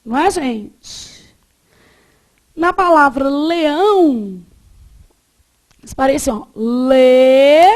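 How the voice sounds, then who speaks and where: A woman teaches a grammar lesson. Her voice sits high and she talks at an unhurried pace. She keeps putting questions to the class and then answering them herself. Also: lively intonation.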